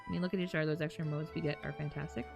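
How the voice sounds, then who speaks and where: Low and gravelly, this female game streamer races through her casual chat with viewers. She stays animated, curses casually now and then, and laughs softly while talking over faint game music and character voice lines.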